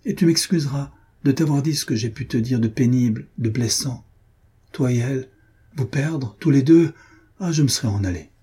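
A man's voice: medium pitch, moderate pace, warm tone, slightly rough. A man reading an anguished, jealous husband who pleads with his friend in emotional outbursts, in an audiobook.

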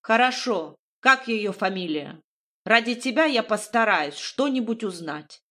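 A woman voicing a fussy, resentful older man in an audiobook, with a creaky, indignant, lecturing manner. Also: a little high, animated, unhurried, pushed and bright. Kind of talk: audiobook reading.

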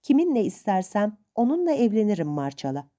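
A woman's voice: medium pitch, very animated, brisk, mellow, natural voice. A woman voicing a proud, stubborn young woman who speaks earnestly and defiantly in a storybook reading.

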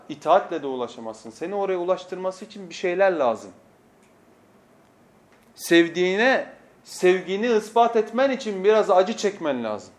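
High-voiced man preaching at a pulpit microphone. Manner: impassioned, swings from hushed to emphatic oaths, recites scripture rapidly. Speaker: preacher teaching a lesson series. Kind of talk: sermon lecture.

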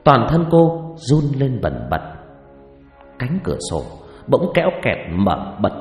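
A man's voice: mid-range voice, huge pitch swings, slow. A man telling a ghost story in a dramatic, suspenseful scripted narration, recorded with echoey reverb over faint music.

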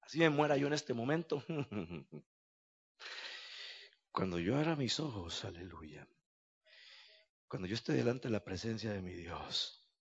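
A man preaching a fervent evangelical sermon, swinging between hushed speech and impassioned shouting, with frequent cries of hallelujah. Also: medium pitch, breathy edge, dull audio.

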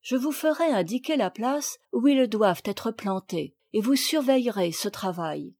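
A woman reading aloud, voicing a gentle, dignified aristocratic mother who speaks tenderly and courteously. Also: fairly high pitch, expressive, unhurried.

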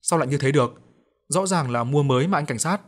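A man's voice: a little high, quick pace, lightly acted. A man playing a stern, scolding factory boss. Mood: puzzled. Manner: scolding, blunt. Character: stern middle-aged male factory owner, quick to anger.

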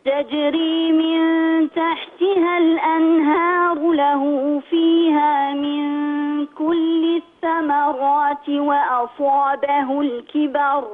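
A woman calling in from Germany, reciting scripture with measured, careful chanting. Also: sits high, level tone. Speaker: caller. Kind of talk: slow Quran recitation. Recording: tinny phone line, faint music.

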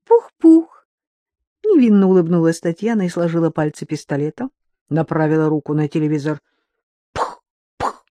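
A woman narrating a novel in an expressive audiobook reading. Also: low voice, quick pace, dry recording, clean studio sound.

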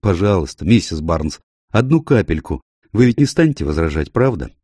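A man's voice: low voice, big pitch swings, moderate pace, darkish tone, slightly rough, no room sound, studio quality, exaggerated voice. A man voicing a weary, tender young woman who speaks in an affectionate, pleading way.

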